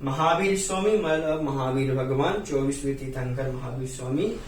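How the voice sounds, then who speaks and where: A man with a Hindi accent teaching a Sanskrit hymn, explaining each word and chanting the verses slowly. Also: mid-range voice, a little hiss or hum. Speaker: Jain scripture teacher. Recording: roomy echo, distant from mic.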